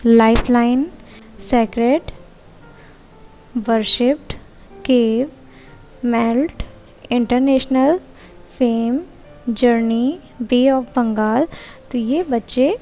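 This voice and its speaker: A woman explains a teacher-training lesson plan step by step. Her voice sits high but sounds mellow and soft-edged, and her delivery is measured and methodical. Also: dull audio. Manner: methodical, steps read out in a measured way.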